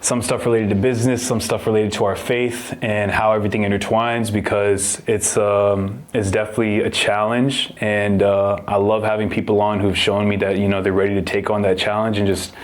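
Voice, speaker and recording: A young man hosting a podcast interview, talking in a relaxed, earnest way with many fillers. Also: lowish voice, brisk, hardly any pauses. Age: young adult. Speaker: podcast host. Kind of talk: casual interview.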